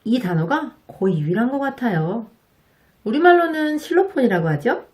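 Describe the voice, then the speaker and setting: A woman talking slowly and deliberately as she teaches English pronunciation to Korean learners. Her voice sits in a middle register, and her delivery is patient and polite. She stretches out each example sound so learners can hear it clearly. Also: mid-range voice, a little mellow. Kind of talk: slow, careful instructional narration.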